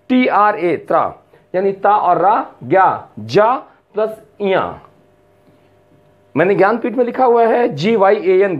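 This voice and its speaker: Male tutor, lively pitch, drills sounds one by one, muffled lo-fi sound. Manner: spells out sounds slowly and repeats them, mixing in English words. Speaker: teacher. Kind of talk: classroom lesson. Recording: dull lo-fi recording.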